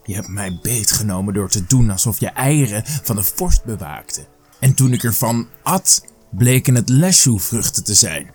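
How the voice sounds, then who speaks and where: A man's voice: on the low side, sing-song, moderate pace, a little mellow, breathy edge, faint music behind. A man doing a greedy, threatening tiger. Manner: threatening and bossy. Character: greedy hot-tempered male tiger. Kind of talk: storybook reading.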